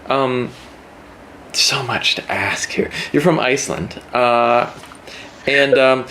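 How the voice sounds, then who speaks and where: A man's voice: medium pitch, slow, sharp tone, a little hiss or hum. A man hosting a casual interview from his home at night, joking around and asking rambling questions. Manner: playful, jokey, rambling questions. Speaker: podcast host.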